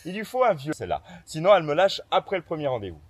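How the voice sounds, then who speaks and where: A man's voice: on the high side, sing-song, quick pace. A man playing a brash, scheming grown son. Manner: blunt, scornful, emphatic. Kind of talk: amateur stage play rehearsal.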